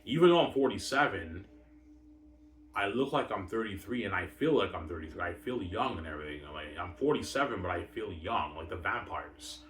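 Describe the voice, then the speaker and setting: A male vlogger with a low, fairly bright voice and lively intonation rambles casually about hockey at a fairly quick pace, boastfully repeating himself with emphatic bursts that trail off. The recording is roomy, from a distant mic, with faint noise.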